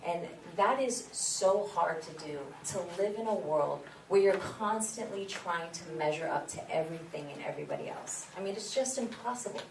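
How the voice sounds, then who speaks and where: A woman's voice: fairly low pitch, moderate pace, few pauses, far from the mic. A woman giving a motivational faith talk to a youth leadership forum, earnest and repetitive in her encouragement. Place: event hall. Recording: echoey hall, mic from afar, background noise.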